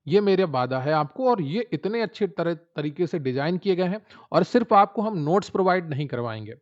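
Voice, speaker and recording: A man with a somewhat high voice gives an exam-prep lesson and keeps coaxing viewers to sign up for his notes. He talks straight to the audience in a persuasive promotional tone. The audio sounds dull and lo-fi. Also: lively intonation, brisk. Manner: persuasive, addresses viewers directly.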